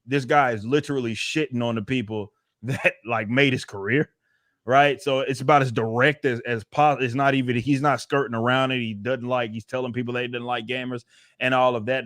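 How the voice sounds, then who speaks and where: A man's voice: medium pitch, fairly bright tone, dry recording, studio quality. A man on an online panel, rambling bluntly and swearing as he vents. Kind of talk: casual panel chat.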